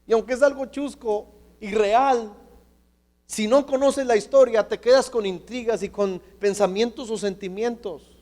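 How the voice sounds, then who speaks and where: A man's voice: sits high, a little slow. A male pastor preaching a sermon, telling stories animatedly and acting out the dialogue. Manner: storytelling, animated, acts out dialogue. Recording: long reverb of a church hall.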